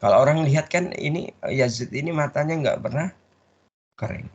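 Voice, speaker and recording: A man teaching a religious study class. He pauses mid-word so the audience can finish it. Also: on the high side, husky. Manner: call-and-response, leaves words half-said for the audience to finish. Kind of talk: Islamic study lecture. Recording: dull lo-fi recording.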